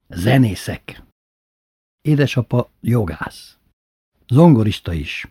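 A man's voice: mid-range voice, dark tone, husky, no echo. A man recounting a childhood memory in a dry, wry, matter-of-fact storytelling manner. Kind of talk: recited childhood memoir.

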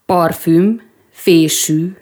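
A woman reading a first-person prose piece in a calm, measured, wry way. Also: on the low side. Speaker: reader of a short prose piece.

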